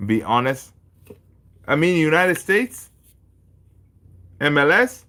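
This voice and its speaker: A man's voice: fairly high pitch, very animated, takes it slowly, bright, forceful tone. A man from Tanzania hosting a casual football livestream, chatting with viewers in a laid-back, chummy way and reading their comments aloud. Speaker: football channel host.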